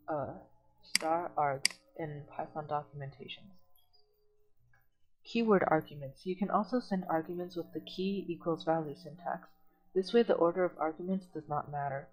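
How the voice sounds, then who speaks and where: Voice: medium pitch, low-quality recording. A tutor in an online coding lesson who reads documentation aloud and then explains it plainly, step by step.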